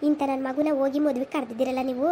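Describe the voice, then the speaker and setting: A bitter, cursing mother from the village, as a woman acts her out, speaking. Her voice sits high and warm. She is emotional and scolds hard. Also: steady tone, rapid-fire, slight background noise, lightly acted. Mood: furious. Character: bitter rural mother abandoned by her husband.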